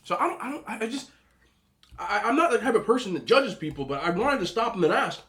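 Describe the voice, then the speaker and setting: A man hosting a mukbang, chatting casually and telling an animated, slangy, incredulous story between bites as he eats. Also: sits high, quick pace. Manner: eating between phrases. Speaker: host of a mukbang video. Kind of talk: casual rambling storytelling while eating.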